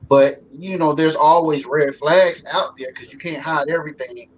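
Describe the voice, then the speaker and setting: A man's voice: on the high side, fairly even intonation, moderate pace. Man talking loosely on a talk show. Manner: loose, conversational, folksy with many fillers. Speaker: guest. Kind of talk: casual talk show conversation. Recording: slightly dull sound with faint noise.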